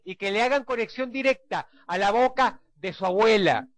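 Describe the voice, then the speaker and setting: High-voiced Venezuelan man raging at a game. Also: moderate pace. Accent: Venezuelan Spanish. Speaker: gamer. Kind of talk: raging gameplay commentary.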